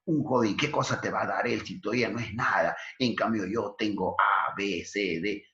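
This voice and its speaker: Jealous old nobleman who grumbles and scolds, read out by a male teacher. Low voice, echoey and muffled recording. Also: normal speed, sharp tone. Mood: indignant.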